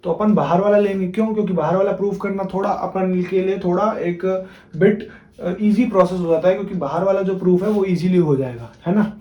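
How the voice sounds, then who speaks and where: Chatty high-voiced young male math teacher. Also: brisk, muffled recording. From India. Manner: chatty and informal, often checks in with "ठीक है" and speaks for the students. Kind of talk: casual classroom lecture. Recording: echoey room.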